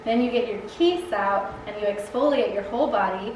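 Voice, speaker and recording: A young American woman, a Peace Corps volunteer, chats casually while answering questions, laughing often and using plenty of fillers. Her mid-range voice is fairly quick with a darkish tone. The mic is distant, the room echoes, and there's background noise.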